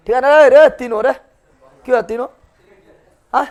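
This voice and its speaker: A male teacher, leading a geography class in chanted call-and-response and repeating answers loudly. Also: very high voice, moderate pace.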